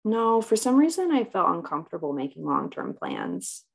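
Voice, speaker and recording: A woman's voice: on the low side, wildly swooping pitch, moderate pace, vocal fry, slightly rough. A woman speaking as a client in a counseling role-play, talking hesitantly and with self-doubt about herself.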